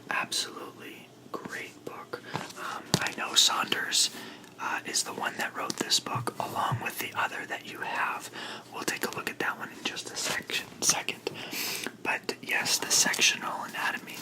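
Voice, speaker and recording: A person in a whispered role-play as a librarian, speaking in a soft, breathy library whisper with polite, reassuring customer-service phrasing. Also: moderate pace, low-quality recording. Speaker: book club librarian helping a customer, role-played.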